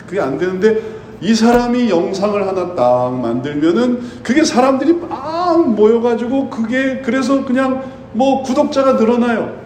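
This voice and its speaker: A man preaching a sermon in an animated way, often acting out imagined believers. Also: very high-pitched, normal speed, slight background noise. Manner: animated, voices imagined believers in quoted speech. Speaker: pastor. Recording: echoey room with faint ambience.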